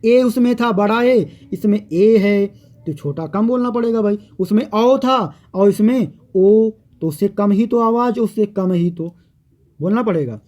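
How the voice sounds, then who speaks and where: A man teaching a grammar lesson, speaking slowly and patiently and repeating each definition so that students can write it down. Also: high voice, a little mellow. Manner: slow and patient, repeating definitions for note-taking. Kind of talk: classroom lecture on grammar.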